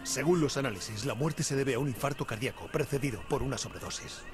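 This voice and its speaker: An actor playing a serious masked vigilante detective in a game dub, terse and analytical. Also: male voice, quick pace, close to an everyday voice. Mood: grave. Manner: terse, analytical, low and steady. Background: game music.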